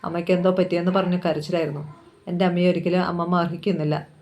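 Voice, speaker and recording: A woman's voice: on the low side, level tone, fast, a little mellow, highs cut off, close to an everyday voice. A woman voicing an angry young man who reproaches his grandmother in a raised voice. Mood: reproachful.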